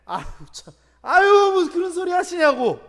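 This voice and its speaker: A man's voice: extremely high pitch, very animated, normal speed, heavily acted. A man voicing the very old man Abraham, incredulous and laughing off what he hears. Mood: scoffing. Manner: exasperated, laughing dismissively. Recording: echoey church hall.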